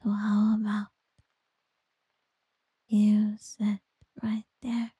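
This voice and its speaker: Slow breathy whispering woman. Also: medium pitch, monotone, no room sound. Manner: soft, teasing, doting whisper. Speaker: ASMR roleplayer. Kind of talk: whispered ASMR girlfriend roleplay.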